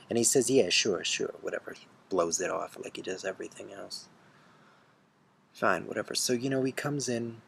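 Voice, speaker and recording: A man telling a bitter story in an angry rant, swearing and swinging from hushed seething to loud outbursts. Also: on the low side. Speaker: storyteller ranting to camera. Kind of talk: angry first-person rant.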